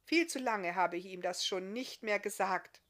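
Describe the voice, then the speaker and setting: A woman's voice: medium pitch, normal speed, fairly bright tone, close to an everyday voice. A woman reading aloud, voicing an emotional woman who is a mother and a sister, with an urgent, outspoken manner. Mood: proud.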